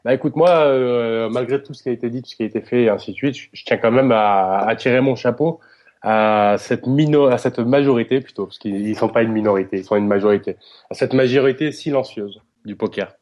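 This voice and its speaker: A man's voice: medium pitch, brisk, darkish tone, muffled recording. A man interviewed on a radio show as a tournament director, speaking earnestly and hesitantly. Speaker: poker tournament director, guest.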